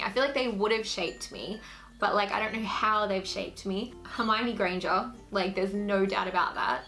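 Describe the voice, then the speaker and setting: Here a woman in her 20s with an Australian accent speaks at a medium pitch with a fairly bright tone. She's a chatty YouTuber answering questions to camera, leaning heavily on the filler "like."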